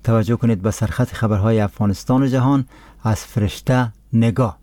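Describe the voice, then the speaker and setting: A man's voice: medium pitch, warm tone, no room sound. A man with an Afghan accent presenting on radio in a solemn, formal announcing style. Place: dry radio studio.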